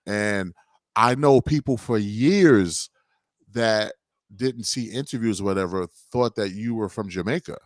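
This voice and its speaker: A man's voice: fairly low pitch, a little slow, no echo, clean studio sound. A man hosting a radio interview, talking in an enthusiastic, hyped-up way. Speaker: radio host.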